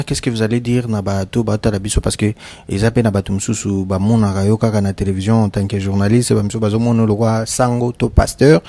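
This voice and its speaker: Congolese TV host with a dry, close voice. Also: male voice, lowish voice, dark tone, no echo. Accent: Congolese French. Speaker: TV journalist, host. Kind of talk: TV interview, mixing French and Lingala. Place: TV studio.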